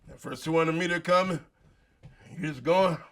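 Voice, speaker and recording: A man's voice: a little high, moderate pace. A man hosting a show, delivering an emphatic, preachy motivational monologue in casual slang, full of rhetorical questions. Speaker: show host.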